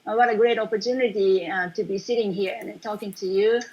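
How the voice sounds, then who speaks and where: A woman from Japan, a painter, giving a casual online presentation over a video call, talking in a chatty way with many fillers and soft laughs. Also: mid-range voice, steady tone, a little fast, slightly rough, muffled recording. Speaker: watercolour painter presenting her work.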